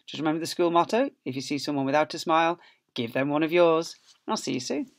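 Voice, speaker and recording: Quick-paced and expressive, a man's voice on the high side reads a picture book to young children. He's a middle-aged school teacher who stretches key words playfully and makes sound effects, recorded on a close-range laptop webcam in a small office.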